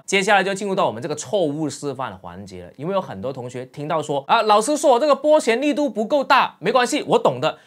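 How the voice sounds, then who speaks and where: A woman teaching electric guitar in a casual video lesson, chatty and checking in with her students with rhetorical questions. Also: on the low side.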